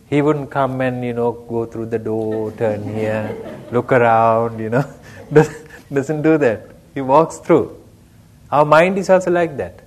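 A male meditation teacher gives an unhurried dharma talk, his voice sitting at an ordinary middle pitch. He keeps it conversational and often turns to his listeners with a question. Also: a little mellow.

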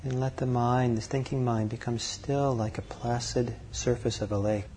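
A man leading a guided meditation, calm and unhurried, speaking in short phrases with long pauses between them. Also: medium pitch, a little hiss or hum. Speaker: meditation teacher.

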